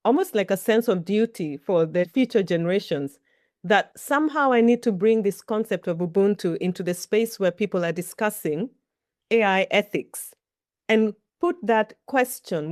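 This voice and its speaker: A middle-aged Kenyan woman whose native language is Kikuyu answers interview questions as a guest, telling stories thoughtfully in a reflective way. Her mid-range voice has a darkish tone, and the studio-quality recording has no echo.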